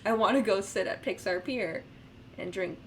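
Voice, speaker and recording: Woman, medium-pitched voice, casual co-host banter, slight noise behind. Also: moderate pace, fairly bright tone. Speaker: co-host of a theme park fan show. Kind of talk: casual chat.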